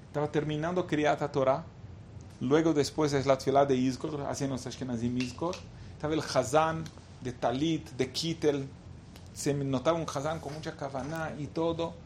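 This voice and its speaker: A man tells a religious anecdote in a voice a little higher than typical for men. He halts and repeats words as he searches for them. A faint rumble sits under the recording. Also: steady tone, moderate pace, darkish tone. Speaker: storyteller.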